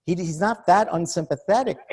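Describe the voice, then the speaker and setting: A man's voice: high voice, fairly quick, a little mellow. Man asking rambling film questions. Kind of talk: casual film discussion.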